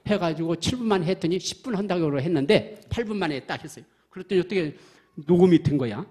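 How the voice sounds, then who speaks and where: An older man preaches a testimony from a church pulpit, spinning lively anecdotes and voicing the people in them. His voice sits high for a man and has a husky, rough edge. He turns often to the congregation with questions. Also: fast. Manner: lively storytelling, acts out quoted dialogue, asks the congregation questions. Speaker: church elder giving testimony. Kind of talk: evangelism testimony sermon.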